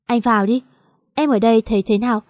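A woman voicing a gentle, kind young man, an older brother, in an audio story. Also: fairly high pitch, fairly even intonation, fast, dry recording, studio quality, close to an everyday voice.

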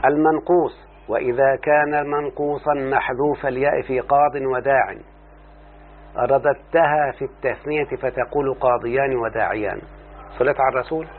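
A man with an Egyptian Arabic accent teaching a grammar lesson, speaking slowly and deliberately and quizzing his student as he goes. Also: mid-range voice, steady tone. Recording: tinny phone-like, faint hum.

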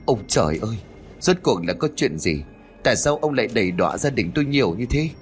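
A man voicing a grieving old grandmother who pleads in a raised, rushed voice. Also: on the low side, sing-song, faint music behind. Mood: anguished.

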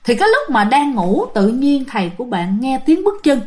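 A woman tells a ghost story in a chatty way, often speaking straight to her listeners. Her voice sits fairly high and swings widely in pitch. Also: sing-song, brisk. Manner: chatty, addresses listeners directly.

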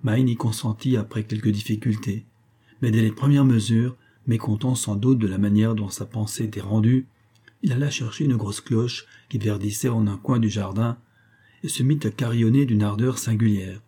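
Man reading an old tale aloud, mellow dark voice, bit husky, steady. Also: lowish voice, moderate pace. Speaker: audiobook reader. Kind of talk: audiobook narration of a tale.

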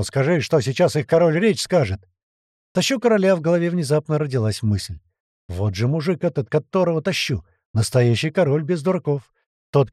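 A man's voice: fairly high pitch, mellow, no room sound, studio quality. A man reading a first-person audiobook in a blunt, swearing storytelling manner. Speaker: audiobook reader.

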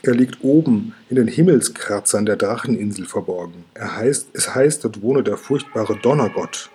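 A man narrating a children's audiobook in a calm, even storytelling manner. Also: fairly low pitch, normal speed, slight background noise.

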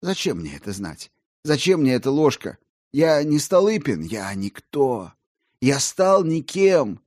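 A wild-eyed, rambling male collector, his voice climbing high and getting loud as he pleads and nearly shouts, performed by a man reading a story. The sound is dry and close. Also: sing-song, unhurried, no room sound. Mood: feverish. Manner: feverish, pleading, rising to near shouts.

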